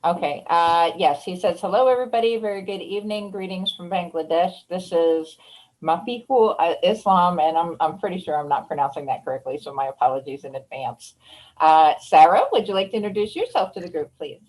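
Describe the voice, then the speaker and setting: A woman's voice: fairly low pitch, fairly quick, darkish tone, low-quality recording. A woman facilitating an online meeting, inviting each person to introduce themselves in a polite, formal, gracious way.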